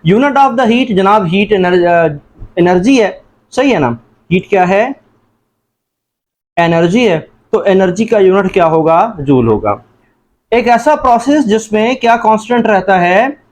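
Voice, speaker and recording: High-voiced Pakistani man drilling test answers. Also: animated, measured pace. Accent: Pakistani Urdu. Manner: question-and-answer drilling, asks then answers himself; addresses listeners as janab. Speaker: teacher. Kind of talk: entry-test lesson.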